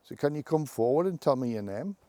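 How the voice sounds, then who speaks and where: A man hunting ghosts outdoors in a forest at night. He calls out questions to spirits, then talks quietly to his companion. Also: medium pitch, lively intonation, brisk, no room sound. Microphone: camera held by a companion.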